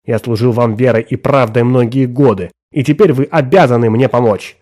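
A man voicing a desperate middle-aged clerk who insists he is alive, pleading and nearly shouting. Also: mid-range voice, normal speed, natural voice.

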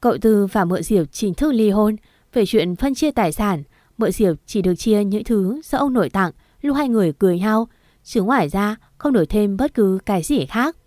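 A woman tells a first-person story in a steady, earnest reading at a middle pitch. The sound is dry and close, with no room in it. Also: moderate pace, no room sound. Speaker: narrator. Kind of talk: scripted story narration.

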